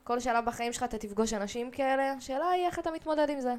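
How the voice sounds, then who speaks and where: Higher-voiced woman host giving advice. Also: fairly even intonation, a little mellow. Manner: prompting questions, offers life advice. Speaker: podcast host. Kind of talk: casual chat.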